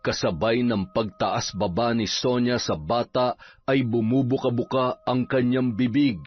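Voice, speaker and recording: A man narrating a horror story in a dramatic, expressive reading style. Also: medium pitch, unhurried, faint music behind. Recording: dull, muffled recording.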